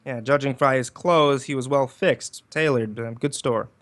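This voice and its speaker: In a livestream performance of a 1940s detective radio drama, the male actor portrays a wry, inquisitive private eye, a laid-back, flirtatious former policeman who cracks jokes. He speaks at normal speed in a natural, mid-range voice that's a bit bright.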